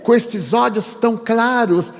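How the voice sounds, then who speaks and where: A quarrelsome stranger snaps out short, suspicious questions in a fairly high voice, voiced by an older man. The words carry a long, trailing reverb from a large hall. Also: a little slow. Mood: confrontational. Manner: challenging, abrupt questions. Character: irritable middle-aged man confronting a stranger in a queue.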